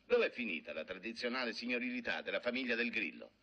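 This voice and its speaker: An actor playing a haughty, mocking nobleman with a Roman accent, talking in a sardonic, lively way. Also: mid-range voice, fast talker. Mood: courtly, impatient. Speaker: marquis hosting guests. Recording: dull old film soundtrack with music.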